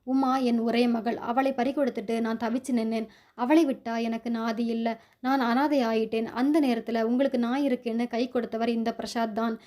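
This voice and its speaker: A woman voicing a gentle grieving older mother. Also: on the high side, fairly even intonation, normal speed, close to an everyday voice. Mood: sorrowful.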